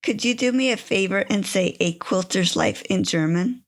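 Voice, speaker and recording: A woman's voice: mid-range voice, moderate pace. A woman hosting a podcast, reading a scripted introduction and then asking interview questions with enthusiasm. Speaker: podcast host.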